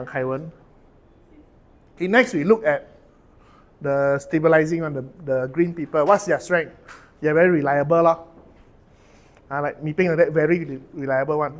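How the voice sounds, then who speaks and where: A man with a Malaysian English accent leading a communication workshop for trainees. He talks in a chatty, joking way and keeps checking in with "okay?". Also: a little high. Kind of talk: live workshop lecture.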